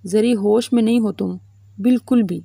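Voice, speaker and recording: A woman voicing a worried middle-aged mother who talks softly and pleadingly. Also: medium pitch, creaky, no room sound, studio quality. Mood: alarmed. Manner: pleading, soft.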